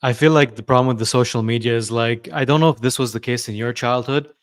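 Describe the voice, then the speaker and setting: A man's voice: medium pitch, fairly even intonation, fast. A young man hosting a podcast, talking conversationally and building his points step by step before asking his guest questions. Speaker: podcast host. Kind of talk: casual podcast interview.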